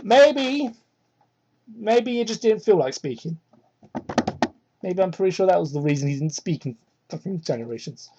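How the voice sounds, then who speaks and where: Over a noisy background, a woman gives an amateur dramatic reading of fan fiction, stopping for sweary, mocking asides. She's expressive at normal speed with long pauses, captured on a cheap microphone that sounds muffled and low-quality.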